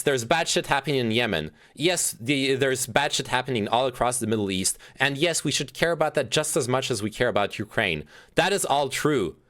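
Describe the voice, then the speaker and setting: A young man streams and talks politics, full of fillers and restarts and swearing freely. His voice is medium-pitched and fairly bright, and he reads chat messages aloud and reacts to them.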